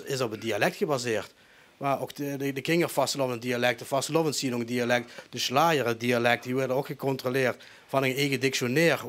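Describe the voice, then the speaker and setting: A man's voice: medium pitch, a bit bright. A man with a Limburg accent from the Kerkrade area, answering in a discussion. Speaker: panelist, carnival club archivist.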